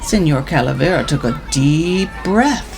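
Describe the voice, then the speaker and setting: A woman storyteller reads a trickster tale in a slightly low voice. She takes it slowly, with dramatic emphasis and very animated intonation. There is faint noise behind her. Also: gravelly, a faint crowd.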